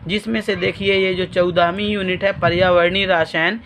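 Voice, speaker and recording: A man's voice: high-pitched, little pitch movement, moderate pace, a bit bright, a little hiss or hum. A man with a Madhya Pradesh Hindi accent, a chemistry teacher explaining an exam blueprint over a shared screen and telling students plainly what to study. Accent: Hindi-speaking Madhya Pradesh.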